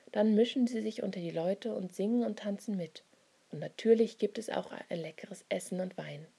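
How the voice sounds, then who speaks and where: A woman reading a children's Bible story in a soft, often half-whispered voice. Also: mid-range voice, gravelly, breathy edge.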